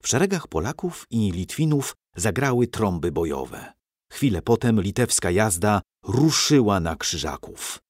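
A man narrating a historical story for children in an expressive, dramatic reading. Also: lowish voice, a little slow, no echo, clean studio sound.

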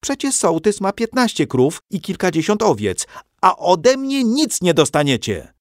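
A man voicing a hot-tempered knight who booms and blusters. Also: big pitch swings, a little slow, no room sound, studio quality. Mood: blustering. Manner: booming, blustering.

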